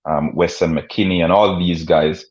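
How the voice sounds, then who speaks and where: A man hosting a casual live sports stream, chatting and commentating in a halting way, often repeating words and phrases. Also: low-pitched, steady tone. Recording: dull, muffled lo-fi stream audio.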